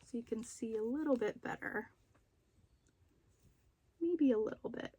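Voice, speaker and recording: A woman's voice: on the high side, unhurried, warm tone, breathy edge, no echo. A woman chatting casually in a home video as she shows off her craft projects. She rambles a little and stops to remember details. She sounds slightly out of breath after being ill. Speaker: crochet and knitting vlogger. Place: room at home with poor lighting.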